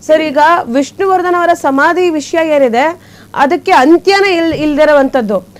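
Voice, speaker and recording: A woman news anchor, asking quick probing questions and humming along as others answer. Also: high voice. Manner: quick probing questions, many soft hums. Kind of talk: TV news interview.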